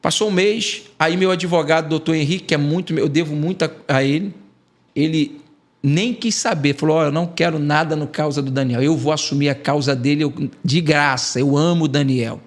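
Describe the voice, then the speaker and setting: Fairly high-pitched and fairly quick, this man from Brazil is an evangelist guesting on a podcast. His emotional testimony comes out as animated storytelling, complete with acted-out quotes.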